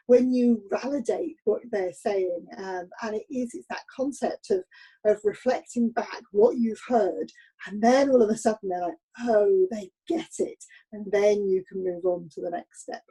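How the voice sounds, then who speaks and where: Woman participant, husky and mellow voice, a little high, hesitant and thoughtful. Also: moderate pace, low-quality recording. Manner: hesitant, many fillers. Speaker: participant with parenting education background. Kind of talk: sharing experience in a meeting.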